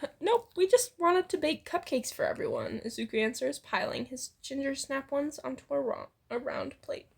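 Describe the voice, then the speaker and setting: Reading fan fiction in a casual, playful way, a young co-host voices the dialogue with exclamations and banters as she goes. Her high voice is expressive, with vocal fry and a moderate pace.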